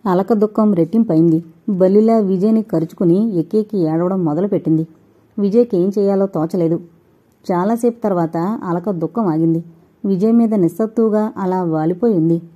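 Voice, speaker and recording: A woman reading an audio novel in measured, expressive narration. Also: fairly low pitch, slightly rough, dull audio. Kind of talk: scripted narration.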